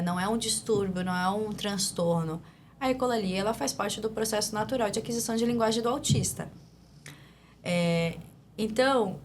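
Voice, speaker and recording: A Brazilian woman speaks as a guest, laying out her points patiently like a teacher. Her voice sits at a medium pitch. A faint hiss runs underneath. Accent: Brazilian Portuguese. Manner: didactic, steady explaining with many fillers. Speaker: speech therapist guest. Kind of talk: explanatory interview talk.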